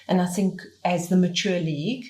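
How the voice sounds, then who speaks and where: Lower-voiced middle-aged woman host. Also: moderate pace, mellow. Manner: thoughtful, with fillers and restarts. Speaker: podcast host. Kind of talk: casual panel discussion.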